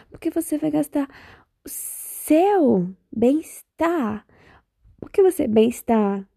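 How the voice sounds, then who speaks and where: A woman's voice: fairly high pitch, gravelly, dark tone, dry recording, studio quality. A young woman from Bahia with a Bahian Brazilian accent, hosting a casual solo podcast in a rambling, reflective way that keeps interrupting itself. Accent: Bahian Brazilian Portuguese. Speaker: podcast host.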